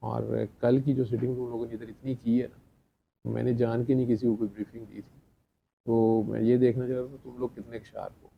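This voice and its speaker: A man's voice: medium pitch, level tone, brisk, gravelly, a little hiss or hum. A middle-aged man tells a chatty anecdote to a gathering, acting out the dialogue and laughing between lines. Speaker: speaker addressing a gathering. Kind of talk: storytelling talk. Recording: dull lo-fi sound.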